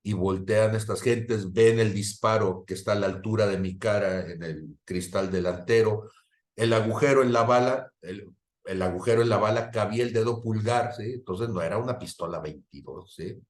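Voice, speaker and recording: A man preaching a sermon, telling a personal story and swinging from loud to hushed, often checking in with the listeners. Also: lowish voice, moderate pace. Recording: roomy echo.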